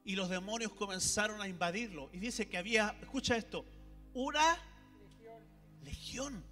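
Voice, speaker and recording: A man's voice: sits high, moderate pace, sharp tone, in a large hall, faint music behind. A man, a pastor preaching animatedly and speaking directly to the congregation. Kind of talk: sermon. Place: church hall.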